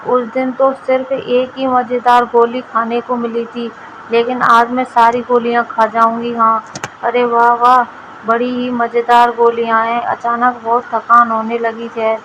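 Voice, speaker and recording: A woman reading a storybook aloud, voicing a lazy, greedy young village wife in a flat, even way. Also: on the high side, a little slow, noisy background, natural voice. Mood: delighted.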